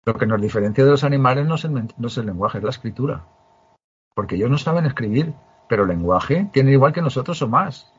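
A podcast host with a husky, medium-pitched voice tells a story in casual conversation. He talks quickly and expressively, with emphatic delivery and frequent restarts. The sound is muffled and lo-fi.

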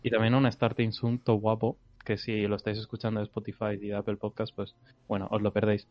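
A man's voice: lowish voice, monotone, quick pace. Guy cohost, kinda mumbly, dull muffled mic. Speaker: podcast co-host. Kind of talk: casual chat.

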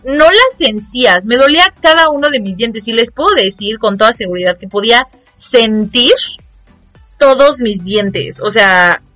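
A young woman with a Mexican Spanish accent, casually telling a lively story, acting out voices and laughing often. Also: fairly high pitch, unhurried, dry recording, soft background music. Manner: animated, acts out quoted voices, laughs often.

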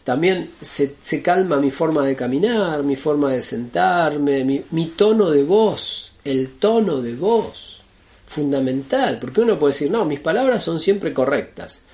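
Gravelly-voiced man teaching. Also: a little high, lively intonation, unhurried, a little mellow. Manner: earnest and repetitive, listing points, often asks ¿está bien?. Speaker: spiritual teacher. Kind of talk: explanatory spiritual talk.

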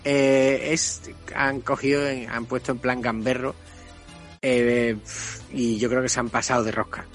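A man with a Castilian accent chatting casually as a podcast panelist, haltingly searching for his words. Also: mid-range voice, level tone, fairly bright tone. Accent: Castilian Spanish. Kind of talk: casual review chat. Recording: music behind the voice.

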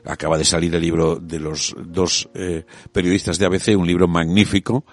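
A man hosting a radio talk show, speaking in a relaxed, conversational way with frequent hesitations. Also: deep voice, moderate pace, no room sound.

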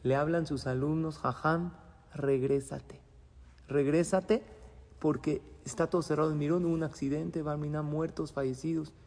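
A man with a rough, gravelly voice that sits a bit high, teaching a religious class. He tells stories with drama and mixes in Hebrew words. His voice carries a long reverb from the synagogue hall. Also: fairly even intonation, moderate pace, darkish tone.

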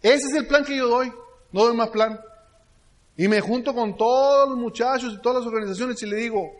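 A middle-aged man with a Mexican Spanish accent delivers a motivational seminar talk in a high-pitched voice. He tells stories and often stops to check that the audience is following him. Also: moderate pace. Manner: storytelling that keeps checking in with the audience. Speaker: business leadership speaker.

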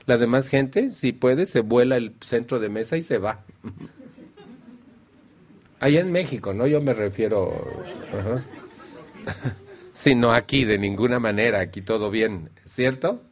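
A man addresses a live audience. His voice sits at a middling pitch, and his tone is playful and conversational. He often puts questions to the room. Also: expressive, slow pace, pauses often. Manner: playful, asks the audience questions, acts out quotes in a higher voice. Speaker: speaker at a recovery meeting. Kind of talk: motivational talk to a live audience.

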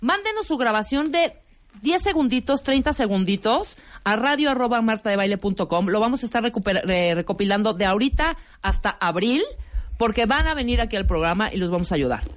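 Bubbly higher-voiced woman co-host. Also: animated, a little fast. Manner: bubbly, jumps in often. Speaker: radio co-host. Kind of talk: lively casual radio chat.

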